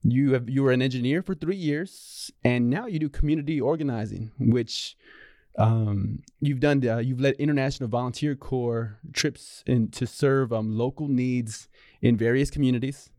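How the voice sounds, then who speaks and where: A man's voice: medium pitch, moderate pace, warm tone, dry recording. A man hosting an interview podcast in a studio, upbeat and encouraging toward his guest. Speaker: podcast host.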